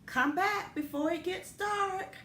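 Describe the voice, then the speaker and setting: A woman voicing a gentle mother who softly reassures her young son in a picture-book story. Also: high-pitched, wildly swooping pitch, a little slow, a little hiss or hum, voice pushed up, heavily acted. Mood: coaxing. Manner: soft, reassuring. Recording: echoey room.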